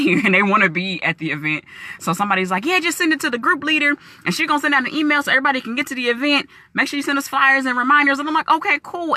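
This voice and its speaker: A young woman, chatting excitedly in a casual live video about her church class and business, full of likes and ums. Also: fairly low pitch, dry recording.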